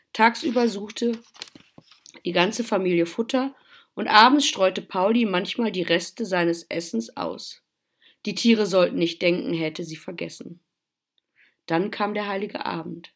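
A woman reading a children's Christmas story aloud in a lively, expressive way. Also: medium pitch, vocal fry.

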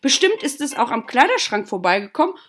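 A woman's voice: sits high, sing-song, fairly quick, fairly bright tone, faint music behind, voice pushed up, heavily acted. A woman voicing a cheerful father in a children's story she reads aloud. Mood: teasing. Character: cheerful father, man, playful.

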